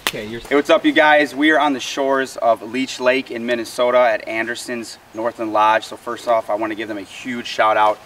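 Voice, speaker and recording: A man's voice: mid-range voice, steady tone, a little fast, a bit bright. A man hosting a fishing tournament, giving an upbeat introduction to camera outdoors on a lakeshore. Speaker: tournament host. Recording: distant outdoor voice, faint noise.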